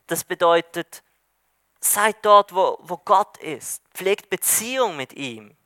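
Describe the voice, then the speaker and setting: A male preacher giving a sermon with a high, bright voice. He retells a story in a searching way, with frequent hesitations and restarts. The sound is dry and close. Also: lively intonation, slow pace, dry recording.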